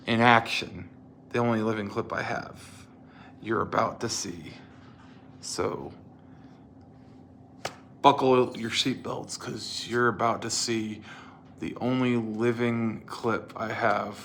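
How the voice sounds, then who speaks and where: Man in his twenties, casual storyteller, rambling with restarts, lowish voice, faint room hum behind. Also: a bit bright. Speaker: creator recalling his old series.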